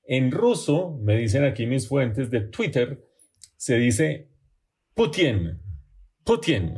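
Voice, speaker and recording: A man's voice: medium pitch, lively intonation, slow pace, darkish tone, slightly rough. A man co-hosting a podcast, chatting in a playful, teasing way. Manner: teasing, playful, laughs while talking. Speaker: podcast co-host. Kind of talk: casual panel chat.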